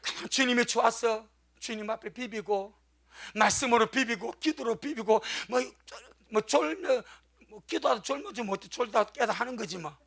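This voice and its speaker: A middle-aged man preaches with a bright, gravelly voice set unusually high. He tells homely stories and swells into blessings with strong emphasis. The delivery stays warmly folksy between the peaks. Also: moderate pace. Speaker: pastor. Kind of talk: sermon.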